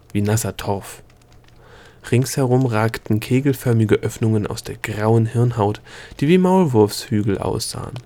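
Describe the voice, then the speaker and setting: A man reading a fantasy novel aloud as narrator, calm and even in his storytelling. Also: on the low side. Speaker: audiobook narrator. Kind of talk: scripted narration.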